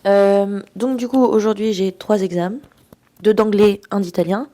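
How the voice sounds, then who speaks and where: A woman's voice: medium pitch, steady tone, normal speed, mellow. A tired young woman from France chatting casually to camera in her student vlog, self-mocking and laughing often. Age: young adult. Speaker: student vlogger.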